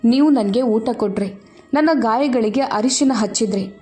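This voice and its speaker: A woman voicing a solemn male judge who speaks in a grave, measured way. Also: a little high, mellow, soft background music, natural voice. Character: grown man, a solemn judge.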